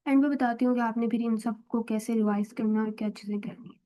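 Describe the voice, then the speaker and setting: A woman's voice: a little high, fairly even intonation, fast talker, dark tone, rough recording. A woman teaching English vocabulary in casual Hindi-Urdu mixed with English, explaining patiently and often checking in with "theek hai?". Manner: mixes English phrases into Hindi-Urdu talk.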